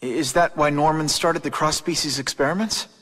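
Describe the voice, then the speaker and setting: A man's voice: on the high side, fairly even intonation, normal speed, fairly bright tone. A man with an American accent voicing an earnest, troubled young superhero in a video game cutscene. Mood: concerned. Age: young adult. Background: background music.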